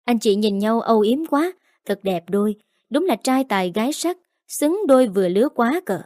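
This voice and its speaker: A woman's voice: fairly high pitch, animated, a little fast, darkish tone, no room sound, clean studio sound, lightly acted. A woman voicing a spiteful, bratty young woman who taunts and sneers, in an audiobook. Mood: sneering. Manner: sneering, mocking. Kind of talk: audiobook character voice. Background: faint background music.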